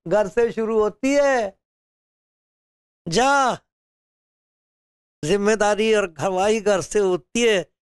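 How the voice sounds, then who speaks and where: Stories and acted-out quotes, punctuated by chuckles, laughs and gestures, fill an older pastor's sermon to camera. He wears a lapel mic in an indoor studio with bookshelves, and his high-sitting voice comes through with no room sound at studio quality.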